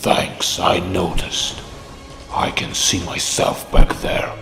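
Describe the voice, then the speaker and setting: A man voicing a cold, scheming male robot villain in a breathy, whispery voice, speaking slowly with a gloating, menacing manner. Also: deep voice, completely flat delivery, bright, forceful tone, echoey room, long reverb tail, faint music behind, exaggerated voice.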